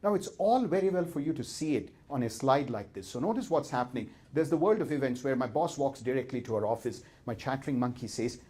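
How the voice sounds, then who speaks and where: A man giving a humorous seminar talk, telling stories in a lively way and acting out voices. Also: medium pitch, quick pace, few pauses, breathy edge. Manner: lively storytelling with acted-out voices. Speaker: speaker.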